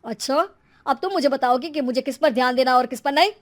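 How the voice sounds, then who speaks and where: A woman's voice: sits high, quick pace, natural voice. A woman voicing an angry, scornful middle-aged husband and father in a moral story, scolding harshly. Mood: indignant, scornful.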